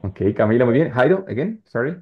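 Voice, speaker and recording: A man's voice: mid-range voice, lively intonation, fairly quick, narrow, tinny audio. A man teaching an English class online in Spanish, patient and encouraging as he explains and corrects students.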